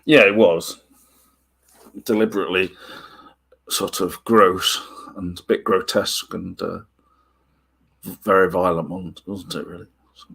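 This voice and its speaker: Husky low-voiced man, wry film talk. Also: fairly even intonation, measured pace, long pauses, fairly bright tone. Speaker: podcast co-host. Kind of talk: casual chat about films.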